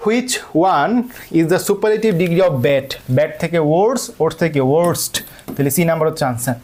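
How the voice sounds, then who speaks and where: A man with a Bangladeshi Bengali accent teaching an online grammar class. He explains step by step, keeps checking that students follow, and reads the English questions slowly. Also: fairly high pitch, lively intonation, darkish tone.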